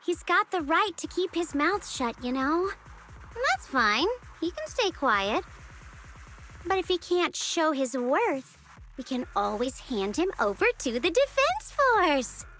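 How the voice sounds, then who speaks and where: An actress voicing a cool, wry young woman in a video game who talks someone round with smooth, teasing persuasion. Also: high-pitched, very animated, takes it slowly, fairly bright tone, soft background music, heavily acted. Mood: coolly persuasive.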